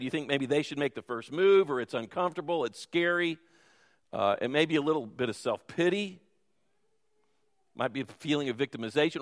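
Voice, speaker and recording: A man preaching a sermon in a conversational way, asking the congregation questions and joking with them. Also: a little high. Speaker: pastor. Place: church sanctuary. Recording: reverberant church hall.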